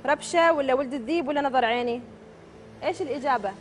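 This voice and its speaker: A woman hosting a televised quiz show from a studio, reading out questions and answer options crisply and upbeat. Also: high-pitched, very fast, a little hiss or hum. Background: show music.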